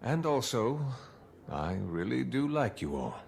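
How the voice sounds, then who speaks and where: An actor playing a smooth-talking male gambler dandy in a video game, florid and pompous. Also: medium pitch, sing-song, measured pace, a little mellow, a little hiss or hum. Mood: mock-wounded, fond.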